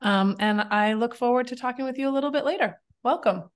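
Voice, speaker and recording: A woman's voice: on the high side, quick pace. A woman working as an associate admission director, greeting the audience cheerfully over a video call. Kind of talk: friendly greeting.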